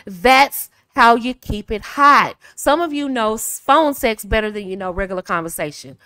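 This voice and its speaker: A woman from the United States giving casual, direct advice to women, often calling them ladies and swinging her pitch to demonstrate. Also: lively intonation, normal speed, bright, forceful tone, no room sound. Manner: chatty, direct, frequently addresses listeners as ladies. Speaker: femininity coach.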